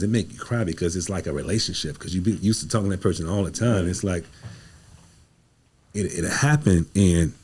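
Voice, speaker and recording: A deep, warm voice with a breathy edge belongs to an American man guesting on a podcast, a playwright and director. He speaks motivationally in a conversational but emphatic, preacherly manner, frequently repeating phrases.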